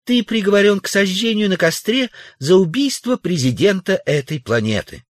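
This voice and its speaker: Reading an audiobook, a man voices a beautiful, ruthless alien woman official, curt and cold, in a high, sing-song register above his own natural voice. The pace is moderate and the recording is dry and clean, studio quality.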